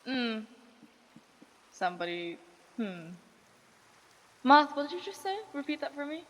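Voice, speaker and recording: A blunt, teasing woman talking in character for a roleplay server. Her voice sits a bit high, and a long reverb trails after her words. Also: very animated, unhurried.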